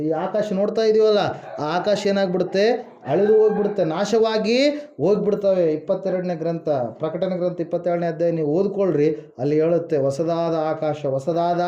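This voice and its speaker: A man's voice: a little high, mellow. A male pastor preaching a sermon, asking the congregation questions and answering them himself, with frequent hallelujahs. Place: house church room. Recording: echoey room, dull lo-fi sound.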